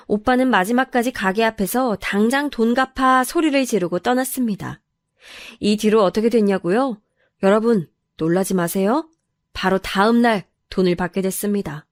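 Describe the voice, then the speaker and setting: A woman's voice: mid-range voice, dry recording, studio quality. A woman narrating a true first-person family story, in an aggrieved, confiding manner.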